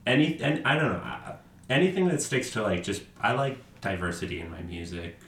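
A man's voice: fairly low pitch, sing-song, a little fast, fairly bright tone. A man in his twenties hosting a podcast, chatting casually, rambling and laughing often. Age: 20s. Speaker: podcast host. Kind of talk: casual interview chat. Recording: echoey room with faint noise.

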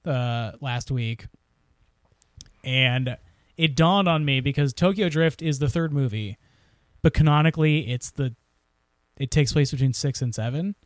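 A man's voice: mid-range voice, unhurried, no echo. A man co-hosting a podcast, chatting casually and joking, swearing now and then. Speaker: podcast co-host. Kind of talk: casual chat.

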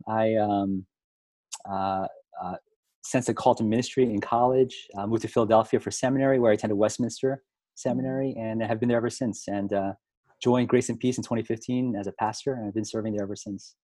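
A man's voice: lowish voice, steady tone, a little fast, warm tone, no echo. A man, a pastor in his thirties, chatting as a guest on a podcast and laughing often. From New York. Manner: laughing, friendly, talkative. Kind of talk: casual chat.

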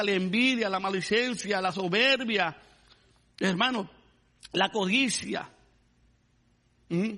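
A pastor preaches a sermon in a high, sharp-toned voice. He keeps calling his listeners "hermano" and asks the congregation to praise the Lord.

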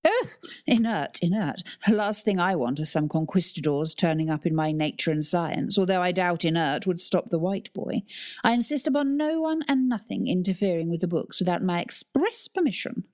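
A woman's voice: fairly low pitch, animated, moderate pace, darkish tone, lightly acted. A woman voicing a haughty, regal woman librarian who speaks in a clipped, commanding way.

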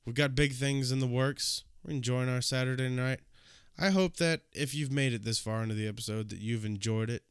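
A man's voice: mid-range voice, steady tone, a little fast, hardly any pauses, clear, resonant tone, no echo, clean studio sound. A man co-hosting a casual late-night podcast, laid-back and jokey. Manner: laid-back, jokey, sings snatches of songs. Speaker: podcast co-host.

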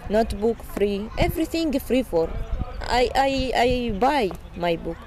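A young Syrian woman, a native Arabic speaker, talking in halting, broken English with a Syrian Arabic accent, interviewed outdoors in a refugee camp. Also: on the high side, expressive, a little mellow. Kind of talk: casual interview. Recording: noisy outdoor field recording.

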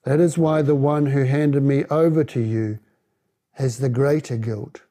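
A man voicing a calm, steadfast man on trial in a scripture reading. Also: mid-range voice, measured pace, close to an everyday voice.

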